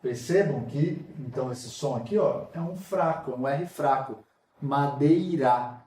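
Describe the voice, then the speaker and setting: A man's voice: mid-range voice, measured pace, warm tone, far from the mic. A man with a Brazilian accent teaching a literacy lesson, patiently sounding out syllables one by one. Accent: Brazilian Portuguese. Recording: echoey room, voice off-mic.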